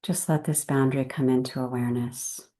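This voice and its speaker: Speaking in a rumbling low voice with a steady tone, a woman leads a guided meditation. She's gentle and unhurried, pausing at length between measured phrases.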